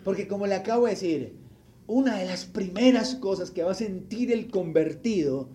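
A male pastor preaching a sermon, telling a Bible story with animated delivery and asking the congregation questions. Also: high-pitched, normal speed. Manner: acts out the people in the story.

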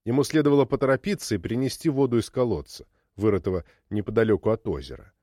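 A man reading a story aloud as narrator in an expressive storytelling delivery. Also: on the low side, fast, no echo, clean studio sound. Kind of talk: scripted narration.

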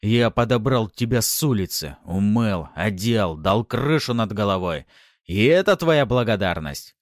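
A man's voice: low-pitched, expressive, unhurried, no echo, clean studio sound. A man reading an audiobook, voicing a brutal, domineering husband who growls threats at his wife. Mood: menacing.

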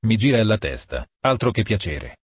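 A man's voice: lowish voice, very animated, normal speed, husky, dry recording. A man reading aloud and voicing an irritated woman who complains. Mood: annoyed. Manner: exclaiming, complaining.

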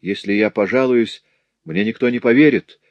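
A man's voice: medium pitch, normal speed, no room sound, highs cut off, natural voice. A man reading a story aloud, voicing a wronged young working woman telling of her ordeal. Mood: anguished. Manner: pleading, anguished.

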